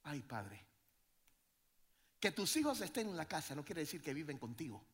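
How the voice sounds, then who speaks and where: A man preaching a sermon as pastor, animated and joking with his congregation, sometimes breaking into shouts. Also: on the high side, normal speed. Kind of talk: lively church sermon.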